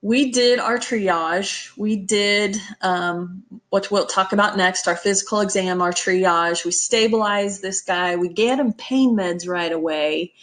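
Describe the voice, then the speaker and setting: A woman's voice: medium pitch, a bit bright. A woman giving a conversational lecture on veterinary emergency care, emphatic and often checking in with listeners. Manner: emphatic, checks in with "okay?" and "right?".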